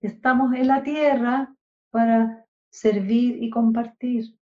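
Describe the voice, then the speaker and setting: Reflective, earnest woman guest, slightly high voice, dull lo-fi call sound. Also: fairly even intonation, slow, darkish tone. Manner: earnest, reflective, spiritual talk. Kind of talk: casual spiritual chat.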